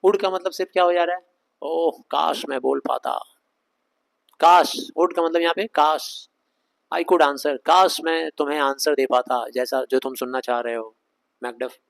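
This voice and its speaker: A man teaching a Shakespeare scene line by line, reading the English slowly in an Indian accent and explaining it in conversational Hindi with rhetorical questions. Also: on the high side, steady tone, vocal fry, rough recording. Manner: reads English lines slowly, explains them fast in Hindi.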